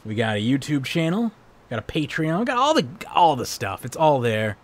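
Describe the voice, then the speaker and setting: A man with a hoarse voice, hosting and wrapping up a livestream in a casual, rambling way. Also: mid-range voice, very animated, moderate pace. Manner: rambling, laid-back. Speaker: livestream host. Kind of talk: casual stream sign-off chat.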